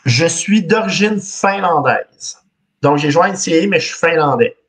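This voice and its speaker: A man's voice: fairly high pitch, animated, normal speed, a bit bright, husky. A man in his thirties with a Quebec French accent hosting a casual podcast quiz over a video call, reading clues in the first person and laughing often. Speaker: quiz host. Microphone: video call webcam.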